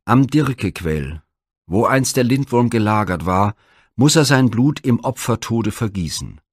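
A man's voice: on the low side, lively intonation, a little slow, husky, no room sound, studio quality. A man reading the part of a stern old blind seer in a myth storybook, speaking in grave, solemn pronouncements.

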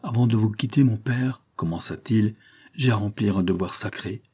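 A man's voice: lowish voice, normal speed, dark tone, husky. A man voicing a passionate, stubborn young nobleman who pleads and swears. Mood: earnest. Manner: pleading then vehement.

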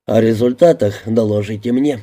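A man's voice: lowish voice, normal speed, mellow, natural voice. A man reading an audiobook voices a stern, demanding male police chief who questions coldly. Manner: cold interrogating questions.

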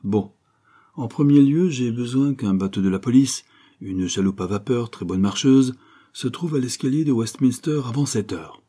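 Brief: a man playing a commanding detective, mellow and husky, dry and assured, storybook reading. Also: medium pitch, moderate pace, close to an everyday voice. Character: calm amused male detective, cool and commanding.

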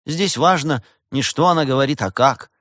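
A man's voice: mid-range voice, normal speed, a bit bright, no echo, studio quality, pitched above the performer's own voice, natural voice. A man voicing a brash young man who mocks his friend in a cocky tone. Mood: teasing. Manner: cocky, mocking.

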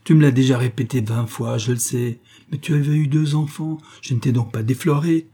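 A man's voice: medium pitch, moderate pace, husky, close to an everyday voice. A man reading an audiobook, voicing a brutal, contemptuous young man who answers his mistress curtly and scornfully. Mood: angry, scornful. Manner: curt, scornful, raised and sharp when angry. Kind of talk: audiobook character voice.

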